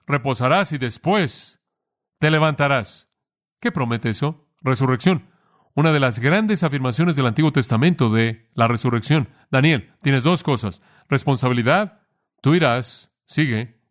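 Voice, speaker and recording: An earnest male preacher delivering a sermon in a steady, mid-pitched voice. He poses rhetorical questions and answers them at once. He slows down to drive home key phrases before moving into a closing prayer.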